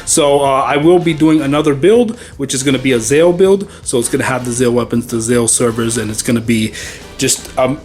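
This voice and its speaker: A man's voice: medium pitch, a little fast, darkish tone. A man hosting a card game channel, giving a rambling, easygoing walk through his deck with many fillers and a little out of breath. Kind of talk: casual deck walkthrough.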